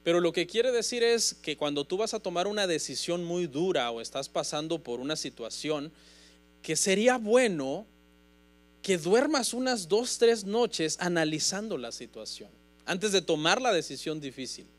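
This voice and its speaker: High-voiced, lively preaching pastor man. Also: moderate pace. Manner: earnest, emphatic, keeps calling listeners "hermano". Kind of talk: sermon. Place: church congregation.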